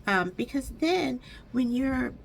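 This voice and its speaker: A woman's voice: high voice, lively intonation, takes it slowly, creaky, low-quality recording. A woman talking casually to viewers as a beauty vlogger, rambling and thinking aloud as she corrects herself. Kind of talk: casual makeup stash chat to viewers. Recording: audible background noise.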